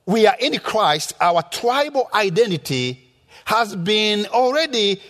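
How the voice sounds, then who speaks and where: Slow and very animated, the guest preacher's high, slightly bright voice carries a Rwandan accent from the rural countryside. He preaches a sermon with personal testimony, emphatic and instructive, returning again and again to repeated phrases. The recording has the echo of a large hall.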